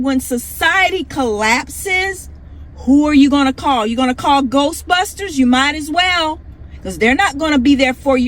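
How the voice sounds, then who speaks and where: A woman's voice: high voice, poor audio. A woman ranting heatedly to her viewers, scolding and combative, hammering the same points again and again. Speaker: vlogger. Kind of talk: heated rant to camera.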